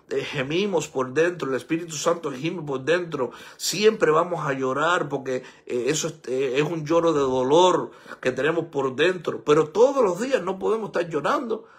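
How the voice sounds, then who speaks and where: An older man preaching a sermon as pastor, exhorting and rising to high, emphatic peaks. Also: breathy edge. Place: church sanctuary.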